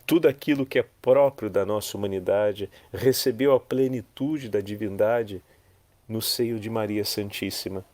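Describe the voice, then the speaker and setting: A Brazilian priest giving a devotional meditation, fervent, swelling on key words and dropping to a hushed prayer. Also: male voice, fairly low pitch, moderate pace, dry recording. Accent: Brazilian Portuguese.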